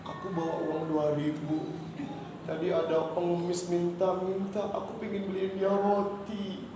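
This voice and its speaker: A man's voice: high-pitched, flat delivery, a little slow. A man voicing his tender-hearted young son, who plaintively explains why he is crying. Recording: echoey hall from far off, noisy.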